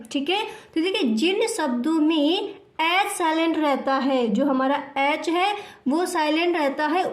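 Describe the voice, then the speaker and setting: A woman's voice: sits high, reverberant. A woman explaining grammar to students, patiently asking questions and answering them herself. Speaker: English grammar teacher. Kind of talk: classroom explanation.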